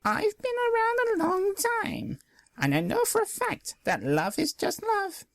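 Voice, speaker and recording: A wise old mare landlady from a pony storybook, her voice pitched way up high and drawn out slowly, gently teasing the young couple, as a male narrator puts her on. She sounds worldly and fond. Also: huge pitch swings, gravelly, dry recording, exaggerated voice. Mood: knowing. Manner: high, slow, warmly teasing.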